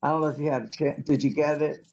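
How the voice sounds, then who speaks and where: A man on a council, speaking slowly and haltingly from a computer in a remote meeting. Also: a little high, steady tone, creaky, a little mellow, dull audio, a little hiss or hum. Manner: slow, halting, rambling. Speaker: council member. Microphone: computer mic on a video call.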